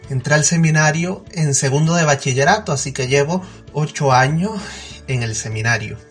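Calm reflective young seminarian man. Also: on the high side, moderate pace, faint music behind. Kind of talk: prepared testimony.

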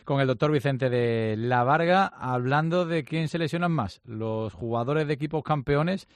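A man's voice: medium pitch, a little slow, no echo. A man hosting a sports radio show, chatting in a casual, emphatic way with frequent fillers.

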